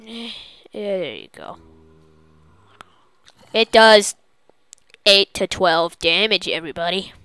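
A woman doing silly, excitable let's play commentary as she plays a game. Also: mid-range voice, slow pace, long pauses, clear, resonant tone, dry recording. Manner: silly, goofy, excitable, jokey. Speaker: gaming channel host.

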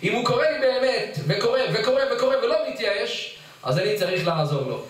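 Middle aged rabbi guy giving a sermon, high voice, lots of storytelling, super echoey hall. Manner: animated storytelling, acting out quoted pleas. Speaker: rabbi giving a Torah lesson. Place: study hall. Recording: echoey hall, voice far from the mic.

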